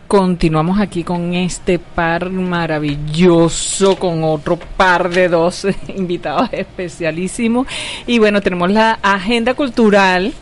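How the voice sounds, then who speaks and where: A man's voice: high-pitched, steady tone, a little slow, faint music behind. A man hosting a radio show, reading out event listings in a chatty way, full of fillers. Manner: chatty, filler-heavy announcer. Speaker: radio host. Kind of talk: casual radio chat. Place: radio studio.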